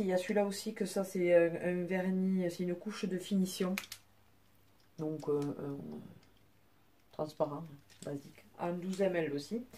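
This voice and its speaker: This young woman, a beauty vlogger, talks at a medium pitch with a dark tone as she casually shows her nail polish collection at home. Her chatty product show-and-tell is packed with fillers and restarts.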